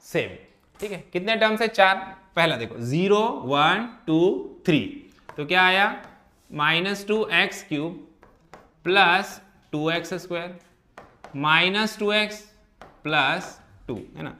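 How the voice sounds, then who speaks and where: A man's voice: sits high, takes it slowly, pushed and bright. A man teaching a math lesson, talking students through each step and often checking whether they follow. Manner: keeps asking checking questions. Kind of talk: classroom lesson explanation.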